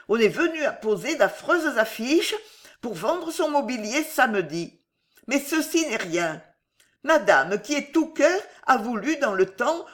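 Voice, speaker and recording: Une femme qui joue une jeune femme de chambre rusée, volubile et enjôleuse, qui plaide avec aplomb. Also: female voice, fairly high pitch. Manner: voluble, wheedling, theatrical. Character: young cunning female chambermaid, glib and persuasive.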